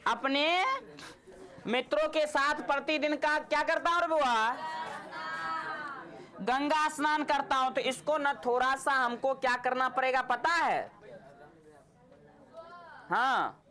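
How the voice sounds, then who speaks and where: High bright woman teaching. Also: slow pace, long pauses, some chatter behind. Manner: chatty, teasing, quizzes students. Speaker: Sanskrit teacher. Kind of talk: classroom teaching. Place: classroom with students.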